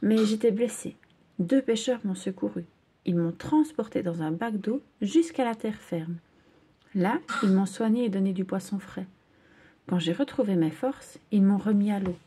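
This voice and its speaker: A woman voicing a cheeky, acrobatic young male dolphin in a storybook reading, in a lifted, lively voice. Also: mid-range voice, normal speed, a little hiss or hum, natural voice. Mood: telling.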